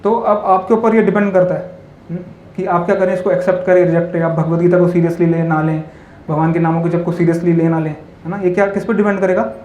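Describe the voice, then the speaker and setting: A fairly high-pitched man with a dark, mellow tone, giving a spiritual talk to a hall audience. He tells simple parables and keeps asking his listeners tag questions. The sound is roomy and echoey, with faint ambience behind him. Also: little pitch movement, fast talker, dull audio, a little hiss or hum. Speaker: monk speaker.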